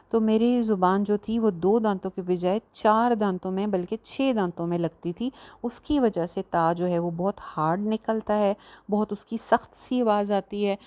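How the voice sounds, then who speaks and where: A woman teaching a tajweed lesson, patiently explaining and slowly demonstrating each letter sound. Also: medium pitch, dark tone. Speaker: Quran recitation teacher.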